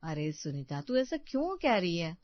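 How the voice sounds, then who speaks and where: A woman voicing a calm, patient elder sister-in-law who soothes gently, in a cartoon story. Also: fairly low pitch, normal speed, no echo, muffled recording, voice pushed down. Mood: soothing.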